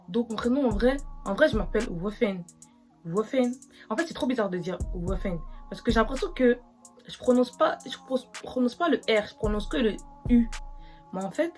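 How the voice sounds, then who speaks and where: A young woman chats loosely to her viewers, full of fillers, restarts and slangy asides. Her voice sits at an ordinary middle pitch. A faint bed of music plays softly behind her. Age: young adult. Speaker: vlogger. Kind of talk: casual get-to-know-me vlog.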